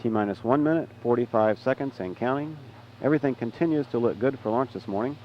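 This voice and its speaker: A man with an American accent giving measured, official countdown commentary as a mission control launch announcer. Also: medium pitch. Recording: dull, noisy public address feed.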